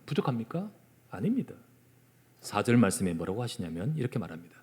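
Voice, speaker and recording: A male pastor with a Gyeongsang Korean accent preaching a sermon in a church, moving between loud emphasis and hushed whispers. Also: fairly high pitch. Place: church sanctuary. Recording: long church hall reverb.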